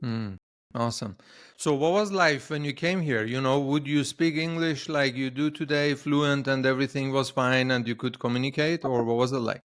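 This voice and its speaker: A man from Iran hosting an interview, encouraging his guest and affirming with quiet murmurs. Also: mid-range voice, moderate pace. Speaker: interview host. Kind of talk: casual interview.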